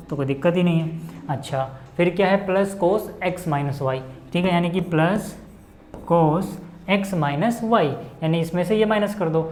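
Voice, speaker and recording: A man's voice: on the high side, a little hiss or hum. Chatty male maths teacher. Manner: chatty, keeps checking in with "okay"; calls viewers brother in a friendly way. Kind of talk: blackboard lesson explanation.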